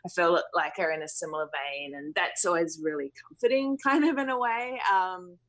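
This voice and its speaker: A New Zealand musician in her thirties gives interview answers slowly and thoughtfully in a fairly low voice. She hesitates a lot, filling pauses with ums and "you know".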